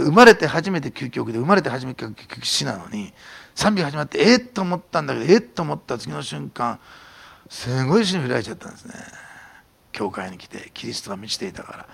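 A man preaching a sermon as a pastor, telling stories in an animated way and sometimes dropping to a whisper. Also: mid-range voice, gravelly, slightly rough. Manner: animated storytelling, drops to a whisper at times.

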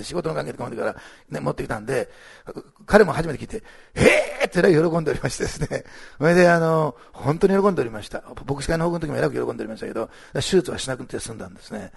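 A man's voice: a little high, gravelly, husky. A middle-aged male pastor giving church announcements and sharing a testimony, rambling with many fillers and restarts.

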